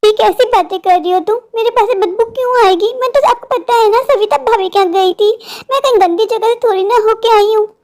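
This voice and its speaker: A scared younger sister in a cartoon horror tale, very high-voiced, pleading and fretting aloud, voiced by a woman. Nervous and vulnerable throughout. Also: fairly quick, a little mellow. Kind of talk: animated horror story voice acting.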